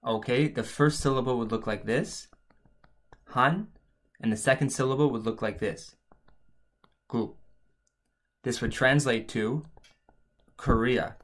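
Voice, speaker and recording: A man's voice: mid-range voice, fairly quick, hardly any pauses. A man narrating an instructional language lesson as a teacher, explaining things step by step.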